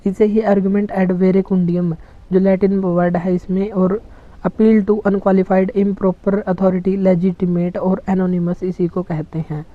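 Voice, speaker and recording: A teacher giving an online exam-prep lecture, explaining in Hindi with English terms and reading English examples out slowly. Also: medium pitch, phone-quality sound.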